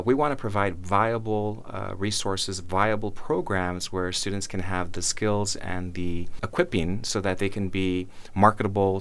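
A man speaking as an interviewed schools official, earnest and measured, often repeating words for emphasis. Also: deep voice, a bit bright, smooth. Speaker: county schools superintendent being interviewed. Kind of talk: prepared interview answers.

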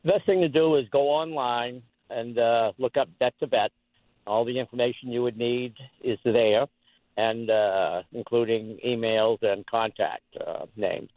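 A man calling in to a show over the phone, talking in a rambling way with many pauses and fillers. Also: medium pitch, fairly even intonation, no room sound. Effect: heard over the phone. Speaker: call-in caller. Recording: tinny phone line.

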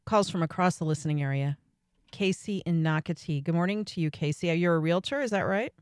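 A radio talk show host taking calls, affirming callers briskly and moving the talk along. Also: mid-range voice, darkish tone, smooth, dry recording, studio quality. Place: radio studio.

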